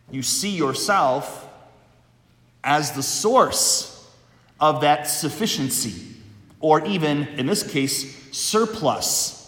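A male preacher reads the Gospel and delivers a homily in a large church interior, where the long, cathedral-like reverb makes everything echo. His voice is mid-range and a bit bright. He speaks slowly, with measured, deliberate phrasing and pauses.

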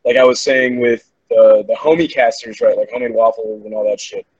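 The audio is dull, and the man's husky mid-range voice moves fairly quickly with fairly even intonation. An esports commentator, he rambles through a casual podcast chat, profane and self-assured.

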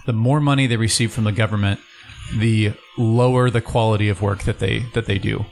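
A male podcast co-host giving his views in a measured way, often with short agreements. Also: on the low side, fairly even intonation, vocal fry, a little mellow, a little hiss or hum. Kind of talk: casual podcast conversation.

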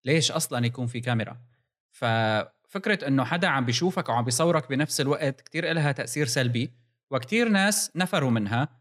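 A man's voice: medium pitch, animated, quick pace, a bit bright. A man with a Levantine Arabic accent co-hosting a casual technology discussion, talking in an analytical, point-by-point way. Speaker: podcast co-host.

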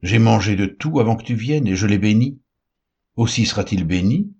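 A man's voice: low-pitched, animated, unhurried, a little mellow, breathy edge, dull audio, exaggerated voice. A man reading the part of an old blind father who gives a solemn blessing and questions his son. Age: older.

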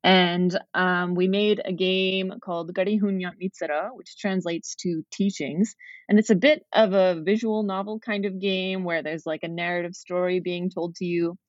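A woman's voice: fairly low pitch, fairly even intonation, moderate pace, dry recording. Young woman guest from Kanehsatake, casual and laughing, speaking over a dull, lo-fi line. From Kanehsatake, Quebec, Canada. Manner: chatty, laughs often, frequent "like" fillers. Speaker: guest, game developer. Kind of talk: casual interview chat.

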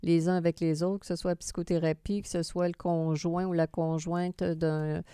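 Quebec french woman chatting on a podcast, mellow dry sound, kinda hunts for her words. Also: on the low side, level tone, moderate pace, clean tone, no room sound. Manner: hesitant, repeats words while searching for phrasing. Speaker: podcast co-host, counselling professional. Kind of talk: conversational podcast discussion.

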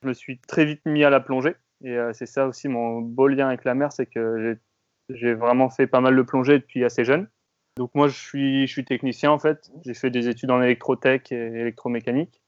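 Smooth-voiced man in his thirties from the Paris region. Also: medium pitch, fairly quick, no echo, muffled recording. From Paris region, France. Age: 30s. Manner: relaxed, laughs easily, hesitant fillers. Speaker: guest, sailor and technician. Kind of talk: casual interview chat.

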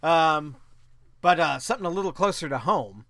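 Male podcast co-host, casual chat, animated and laughing; high, lively voice. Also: normal speed, no echo, studio quality.

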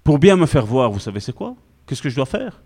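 A male pastor giving an animated, conversational sermon full of asides to the congregation. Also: medium pitch, a little fast.

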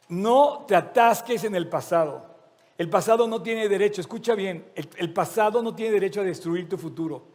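A man's voice: high voice, a little mellow. A man preaching a sermon. He speaks in an earnest, emphatic way and repeats his key phrases. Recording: long reverb of a large hall.

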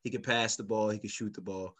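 A man's voice: lowish voice, steady tone, quick pace, fairly bright tone, breathy edge. A man on a podcast panel talking sports casually, repeating phrases for emphasis.

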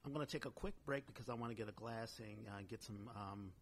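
Male podcast host, relaxed and conversational, quick to affirm his guest, faint rumble under the mic. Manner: easygoing, affirming with short interjections. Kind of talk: casual interview.

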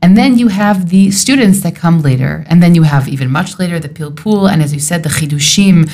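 A woman's voice: fairly low pitch, fairly quick, a little mellow. A woman leading a Torah study discussion, thinking aloud in a searching, thoughtful way. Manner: thoughtful, searching, restarts while reasoning aloud.

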